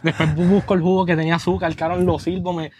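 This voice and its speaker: Young man, Puerto Rican accent, very fast talk, fairly high voice, slangy casual chat. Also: little pitch movement, darkish tone, breathy edge. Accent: Puerto Rican Spanish. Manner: rapid storytelling, heavy slang.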